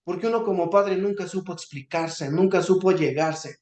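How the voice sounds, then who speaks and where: A Bible teacher in his thirties delivers a sermon on a Torah portion, earnest and pleading, often dropping to a soft voice for emphasis. His voice sits high, at a normal speed, in a reverberant space.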